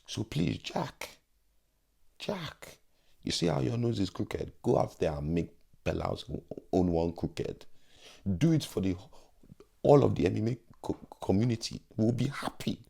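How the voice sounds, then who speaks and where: A man's voice: fairly low pitch, gravelly, mellow. A young man giving casual, slangy fight predictions in an emphatic, pleading way. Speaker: MMA vlogger.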